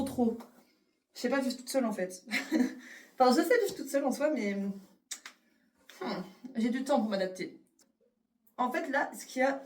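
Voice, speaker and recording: A woman's voice: fairly high pitch, a little mellow, far from the mic. Chatty young woman vlogging, echoey room. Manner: chatty, rambling, many fillers, mixes in English. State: tearful after crying. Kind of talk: casual vlog chat.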